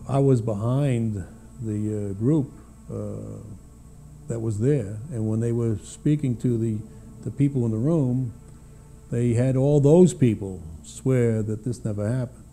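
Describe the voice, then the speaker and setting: An older American man giving unscripted witness testimony in a hesitant, halting way, with frequent uhs and pauses. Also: medium pitch, creaky, dark tone. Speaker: witness, former government aviation official. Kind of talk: personal testimony, unscripted recollection.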